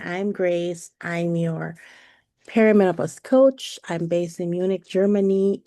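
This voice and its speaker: A woman, a perimenopause coach giving a live online presentation in a halting way, with frequent fillers and self-corrections. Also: medium pitch, dark tone, dry recording, clean studio sound. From Philippines. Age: 40s.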